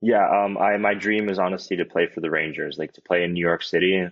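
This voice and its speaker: A man's voice: deep voice, flat delivery, a little fast, fairly bright tone. A man in his twenties, a hockey player guest, chatting in a laid-back, rambling way full of "like" and "you know". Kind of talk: casual interview chat. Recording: dull, lo-fi audio.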